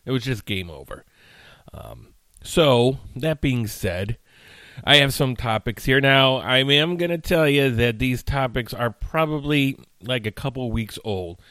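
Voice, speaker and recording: On a studio mic with no room sound, a podcast host with a medium-pitched, fairly bright voice chats on his own in a rambling way, full of fillers and restarts. Still recovering from an illness, he comes across tired and a bit nasal.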